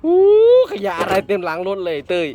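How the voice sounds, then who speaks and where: A man's voice: sits high, very animated, a little fast, background noise. A man chatting casually outdoors by a road, teasing and bantering as he talks. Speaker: vlogger. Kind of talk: casual chat on a work site.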